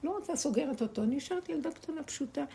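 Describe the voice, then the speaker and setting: Gravelly woman preaching emphatically. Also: sits high, expressive, warm tone. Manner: emphatic and repetitive, firing rhetorical questions at listeners. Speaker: spiritual teacher. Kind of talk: spiritual teaching to a small group.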